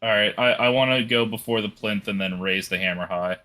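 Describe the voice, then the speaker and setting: Bright-voiced hesitant man at a game table. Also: fairly low pitch, a little fast, faint music behind. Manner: hesitant, lots of uhs and restarts. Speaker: player. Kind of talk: casual tabletop game chat.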